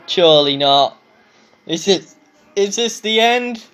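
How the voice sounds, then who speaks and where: Excitable man calling a wrestling game. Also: high-pitched, slow. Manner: excitable, exclaims loudly at the action. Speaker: gameplay commentator. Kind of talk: casual let's-play commentary.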